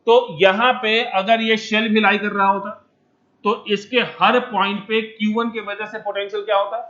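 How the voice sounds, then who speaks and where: Teacher, male, high voice, coaxing and energetic, dull lo-fi sound, empty classroom. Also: normal speed. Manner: coaxing, keeps asking students to answer; mixes English terms into Hindi. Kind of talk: energetic physics lecture.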